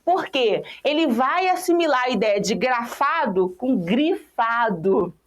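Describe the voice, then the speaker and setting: A young Brazilian woman teaching an online exam-prep class in a lively, playful way, teasing her students by name. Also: a little high, slow. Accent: Brazilian Portuguese.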